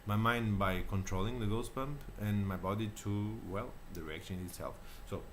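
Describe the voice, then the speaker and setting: Low-voiced portuguese guy in his 30s, lots of ums and restarts, noisy home recording. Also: moderate pace. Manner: hesitant, many fillers and restarts. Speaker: channel host. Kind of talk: casual self-recorded talk. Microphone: camera mic.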